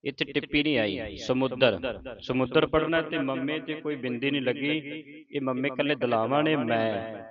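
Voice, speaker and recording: A man teaching pronunciation of scripture verses, reading each line slowly and then explaining where to pause and how to say each word. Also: medium pitch, fairly even intonation. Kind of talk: slow line-by-line pronunciation lesson. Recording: dull lo-fi recording with crowd noise behind.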